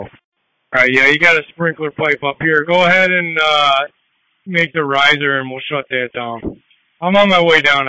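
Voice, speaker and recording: Bright, forceful fire officer on radio. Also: male voice, medium pitch, no room sound, poor audio. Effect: two-way radio. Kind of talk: working radio traffic.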